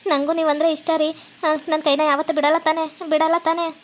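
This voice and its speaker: A woman's voice: high-pitched, level tone, a little fast, close to an everyday voice. A woman voicing a shy young wife in a cartoon, bashful and pleading, with a North Karnataka Kannada accent. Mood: earnest. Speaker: channel narrator. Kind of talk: cartoon voice acting and narration.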